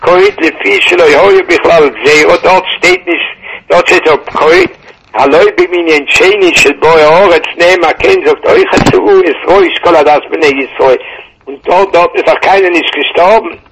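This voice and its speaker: Male Torah teacher, husky and gravelly, halting delivery with repeats, muffled phone line. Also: fairly high pitch, fairly bright tone. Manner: halting, repeats words, mixes Hebrew into German.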